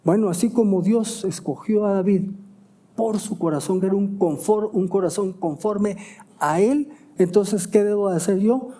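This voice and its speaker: Pastor preaching, high mellow voice, pushes the questions then drops low for the answers. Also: male voice, moderate pace. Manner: rising emphatic questions then quiet answers; stops to self-correct and ask "¿verdad?". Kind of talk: sermon.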